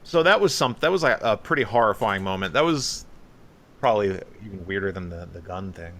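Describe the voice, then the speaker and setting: A man in his thirties telling stories on a podcast, his pitch swinging widely as he goes. He talks casually and slips into other people's voices to act out what happened. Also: animated, fairly quick, a bit bright, a little hiss or hum. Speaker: podcast co-host. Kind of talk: casual storytelling chat.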